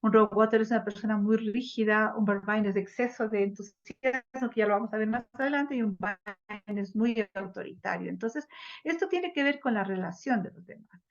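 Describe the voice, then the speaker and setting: A woman teaching a flower therapy class, lively, often acting out the people she quotes. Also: mid-range voice. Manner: lively, acts out quoted people in changed voices. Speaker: instructor of a flower therapy workshop. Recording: dull lo-fi class recording.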